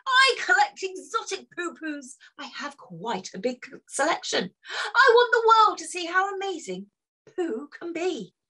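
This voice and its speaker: A woman voicing a posh, boastful gentleman collector in a storybook reading. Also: very high-pitched, sing-song, measured pace, voice pushed up, exaggerated voice. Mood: showy. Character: posh, showy man collecting exotic droppings.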